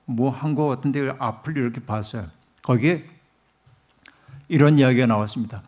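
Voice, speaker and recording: A middle-aged man preaches from the pulpit at a medium pitch. He tells the story in an easy narrative way, speaking straight to the congregation and stopping often to address them. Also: normal speed, darkish tone. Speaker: pastor. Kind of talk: sermon.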